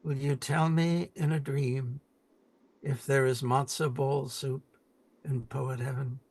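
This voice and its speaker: An older man giving a solemn, deliberate reading of memorial poetry with dramatic emphasis. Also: mid-range voice, flat delivery. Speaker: poet.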